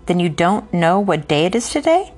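A woman's voice: lowish voice, sing-song, moderate pace, darkish tone. A woman voicing a distressed, superstitious old landlady who urgently pleads with a traveler in a read-aloud story. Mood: pleading. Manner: urgent, imploring.

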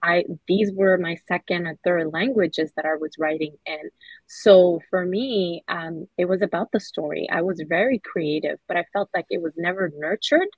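Husky-voiced Somali-born woman, low and flat. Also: no echo, dull audio. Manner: earnest, measured, many soft fillers. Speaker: children's book author, guest. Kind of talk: reflective interview answers.

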